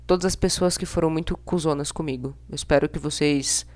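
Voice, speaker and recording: A woman's voice: sits low, steady tone, fairly quick, a little mellow. A young woman with a Brazilian accent, talking casually and bluntly in an exasperated, slangy vlog monologue. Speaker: vlogger. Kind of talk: casual opinionated monologue to camera.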